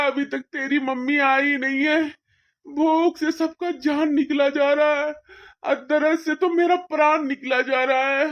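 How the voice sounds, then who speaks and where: A voice actor playing a helpless father with broken legs in a cartoon story, lamenting and comforting his hungry children. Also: high-pitched. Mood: despairing. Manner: lamenting, mournful. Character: crippled father, helpless and despairing. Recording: dull, muffled lo-fi sound.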